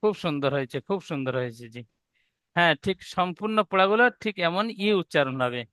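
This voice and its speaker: A man teaching Arabic reading in an online class, spelling letters slowly and drawn out, then explaining briskly. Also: fairly high pitch, animated, fairly bright tone, clear, resonant tone, no room sound.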